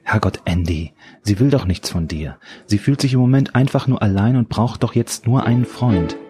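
A man's voice: lowish voice, normal speed, mellow, natural voice. A man reading an audiobook who voices an embarrassed, stammering young man.

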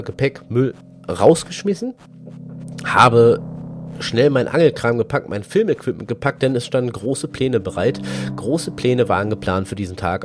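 A young man tells his story with energy, acting out quotes from his friends as he goes. His pitch sits in the middle and his delivery stays casual and chatty. Clear background music plays under his voice throughout. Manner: lively, animated anecdote telling with quoted dialogue. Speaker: fishing content creator. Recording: music playing behind the voice.

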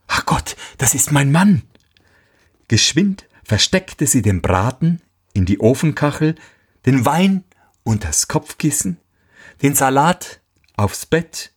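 Slow, expressive male fairy-tale reader. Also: medium pitch, breathy edge. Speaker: storyteller. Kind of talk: fairy tale read aloud.

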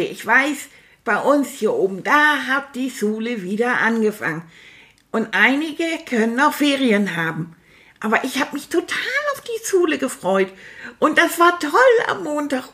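A woman's voice: high-pitched, bright, forceful tone, heavily acted. A woman voicing a chatty, boastful male plush rat with felt teeth and a lisp, talking to children in a puppet show. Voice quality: lisping. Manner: cheerful, talkative, addresses kids directly.

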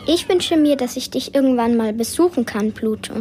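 Higher-voiced woman presenting children's radio. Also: animated, normal speed, over music.

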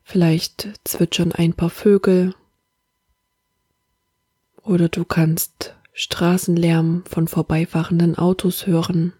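Breathy soft-spoken woman guiding meditation. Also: lowish voice, slow pace, dry recording, clean studio sound. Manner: soft, half-whispered, calm and soothing. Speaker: meditation guide. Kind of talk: guided meditation.

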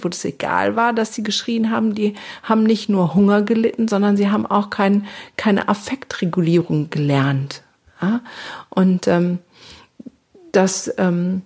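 A woman's voice: mid-range voice, darkish tone, husky. A woman who trains trauma therapists, explaining in an educational talk, speaking straight to the listener and sometimes acting out sing-song baby talk.

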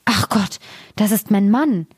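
A woman's voice: medium pitch, a little slow, husky, no echo, studio quality. A woman voicing a flustered, scheming miller's wife in a storybook tale, speaking in a fussing, lifted tone.

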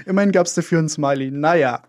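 A man's voice: fairly high pitch, fast, heavy background noise. A young man co-hosting a casual radio show, talking with many fillers and a wry, self-mocking manner. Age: young adult. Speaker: radio co-host.

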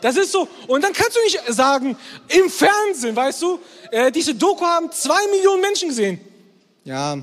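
High-voiced young man preaching in a hall. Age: 20s. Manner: energetic, keeps checking in with the crowd. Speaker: youth preacher. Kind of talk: sermon to a live crowd. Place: hall with an audience, also streamed. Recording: long hall reverb.

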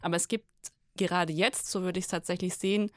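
A woman's voice: lowish voice, steady tone, brisk, no room sound, clean studio sound. A woman with a German accent, a political reporter explaining her research in a thoughtful podcast conversation, often restarting her phrases.

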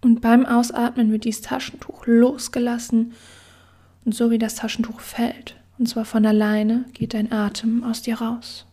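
A woman guiding a relaxation meditation in a soft, soothing whisper. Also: a little high, level tone, a little slow, breathy edge. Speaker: meditation guide.

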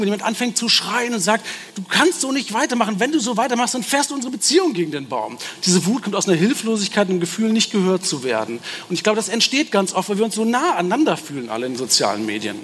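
A man with a fairly high voice gives a public talk in a large hall. He thinks aloud and slips into the voices of the people he quotes. A long reverb trails his words over faint background noise. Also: fairly bright tone. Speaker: psychiatrist giving a talk.

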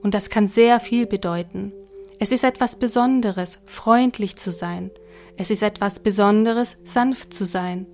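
Woman reading a bedtime-style story, mid pitch, soft and slow, light music in back. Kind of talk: scripted story narration.

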